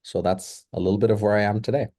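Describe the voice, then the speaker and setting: Guest: middle-aged male economist from Portugal, lowish voice, deliberate lecturer's delivery. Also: steady tone, warm tone. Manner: deliberate, lecturing, uses rhetorical questions. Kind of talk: measured expert explanation.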